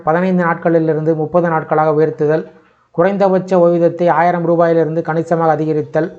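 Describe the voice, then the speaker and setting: A man reading a news narration in an even, steady manner as the channel's host. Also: a little high, lo-fi sound.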